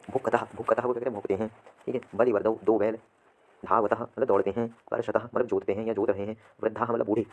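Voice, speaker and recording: A man teaches Sanskrit vocabulary in a classroom lesson. He repeats each word, then asks and answers his own questions at a patient, steady pace. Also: fairly low pitch.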